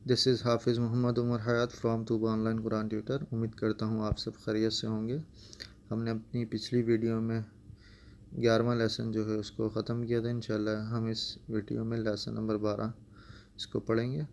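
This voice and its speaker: A man, an online Quran tutor teaching a recorded reading lesson, explaining rules with English words mixed in and spelling syllables out slowly. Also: lowish voice, monotone, a little mellow, slight background noise.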